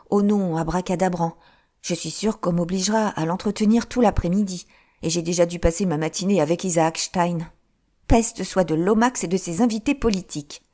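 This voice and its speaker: A woman reading an audiobook, voicing a bright, teasing young noblewoman with a lively, mocking manner. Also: fairly low pitch, lightly acted. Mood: exasperated.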